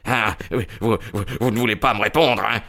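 A man voicing a huge, furious old country doctor who bullies and threatens, shouting fast in an audio drama reading. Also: fairly low pitch, steady tone, creaky. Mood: furious, threatening.

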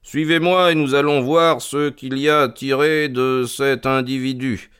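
A man voicing a sharp male detective who speaks in a honeyed, self-assured way. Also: mid-range voice, fairly even intonation, unhurried, clear, resonant tone, voice pushed up, lightly acted. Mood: suave.

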